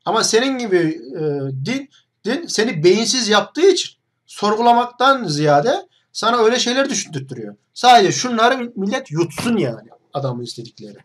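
A man's voice: high-pitched, sing-song, moderate pace, slightly rough. A young man hosting an online video, talking straight to the camera in a mocking, combative monologue full of rhetorical questions.

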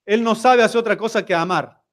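Rioplatense guy preaching in church, kinda high voice, casual, keeps asking the crowd questions. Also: a little fast. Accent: Rioplatense Spanish. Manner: talks to the congregation with frequent rhetorical questions. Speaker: seminar speaker at a church. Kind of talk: conversational sermon.

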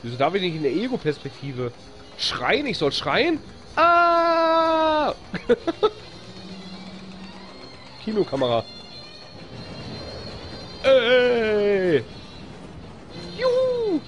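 Giddy German let's-play gamer, lively pitch. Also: a little fast, soft background music. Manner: giddy, cheers and laughs often, complains when stuck. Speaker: live-stream gamer. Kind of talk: excitable let's-play commentary.

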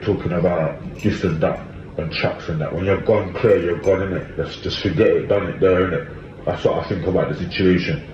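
Deep-voiced London man in an echoey room. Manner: emphatic, repetitive, with frequent tag questions. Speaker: commentator. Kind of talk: casual opinion monologue in street slang. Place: small tiled room indoors. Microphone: phone at arm's length. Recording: muffled, echoey small room with faint noise.

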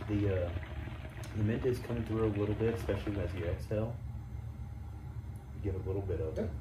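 Low-voiced man chatting in a noisy room. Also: brisk. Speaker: co-host of a product review. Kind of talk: casual review chat. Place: small indoor room, seated. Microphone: camera a few feet away. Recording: roomy, distant mic, noisy background.

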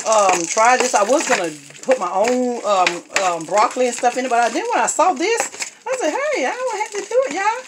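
Her voice a little high, this woman narrates a casual home cooking video from her kitchen, homey and talkative, constantly addressing viewers as "y'all." The phone camera is held over the pot, so the recording is noisy, with pots and utensils clinking.

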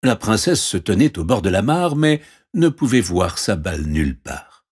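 A man reading a fairy tale aloud, expressive and playing every character. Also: on the low side, moderate pace, breathy edge. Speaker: storyteller. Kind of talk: storybook reading.

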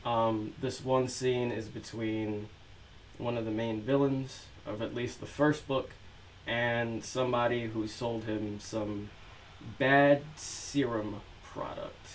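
A man's voice: mid-range voice, slow, slight background noise, poor audio. Laid-back man reading his own fiction. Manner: relaxed, filler-heavy chat. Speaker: author reading his novel. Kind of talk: casual chat, then reading prose aloud.

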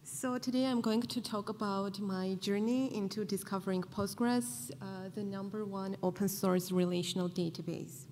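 A woman in her twenties from Armenia giving a conference talk at a podium, earnest, pausing often with fillers. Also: mid-range voice, steady tone, darkish tone, big-room sound, slight background noise. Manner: earnest, with frequent fillers and pauses. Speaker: conference speaker. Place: large conference hall, at a podium.

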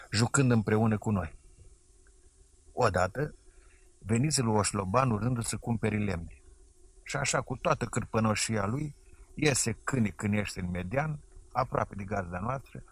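A man narrating a classic storybook as an audiobook, reading expressively and chanting the quoted lines. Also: medium pitch.

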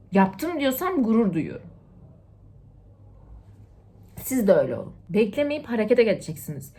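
A young woman chatting straight to her followers, giving life advice. She talks in an animated, lecturing way, jumping from loud bursts to hushed asides. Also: on the high side. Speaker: TikTok vlogger. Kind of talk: casual motivational chat to camera.

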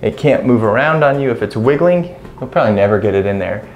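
A man in his thirties, an electrician, explains each step while he installs a ceiling light, in a relaxed, practical way. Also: mid-range voice, fast talker, highs cut off, slight background noise. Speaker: electrician instructor. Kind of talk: hands-on how-to narration. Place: small room in a house, indoors.

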